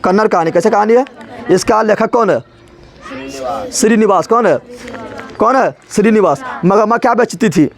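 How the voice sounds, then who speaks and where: A man's voice: high-pitched, normal speed, pauses often, some chatter behind. A male teacher, explaining a story to his class and repeating his own questions before answering them.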